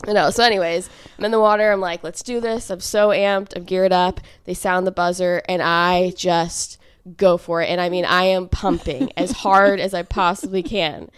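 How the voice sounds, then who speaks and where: A woman in her thirties co-hosting a podcast, telling an embarrassing story in casual chat and acting out quotes with big jumps in pitch. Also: steady tone, moderate pace, clean tone, no room sound. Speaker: podcast co-host.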